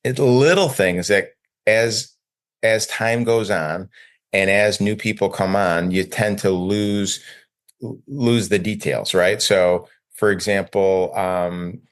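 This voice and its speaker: A man's voice: on the low side, steady tone, slow pace. A man hosting a solo business podcast, talking conversationally with fillers and self-corrections. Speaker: dental practice coach and podcast host.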